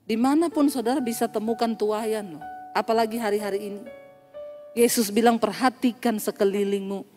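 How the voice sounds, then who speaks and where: A woman pastor giving an animated, emphatic sermon that keeps turning to address her listeners directly. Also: on the high side, brisk. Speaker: preacher. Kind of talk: sermon with personal story. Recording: reverberant hall with faint music.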